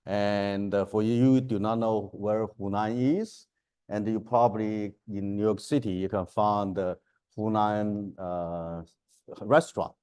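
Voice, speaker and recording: A man, his voice low-pitched and unhurried as he tells stories in broken English. He gives a chatty, laughing university lecture through a clip-on lapel mic in a lecture room. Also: fairly even intonation, darkish tone, clean tone. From China. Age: 50s. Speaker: professor.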